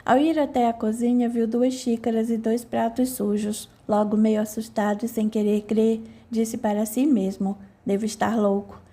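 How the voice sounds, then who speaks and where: A woman reading an audiobook aloud in a calm, storytelling manner. Her voice sits a little high but sounds soft and mellow. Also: moderate pace, hardly any pauses. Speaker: audiobook narrator. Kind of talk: audiobook narration.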